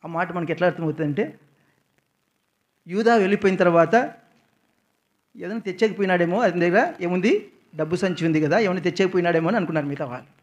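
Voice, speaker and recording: A man preaching a sermon in a prayer house, who keeps asking the congregation questions, answers them himself and stresses key words loudly. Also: high-pitched, fast talker, long pauses. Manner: repeats key words with sudden loud emphasis.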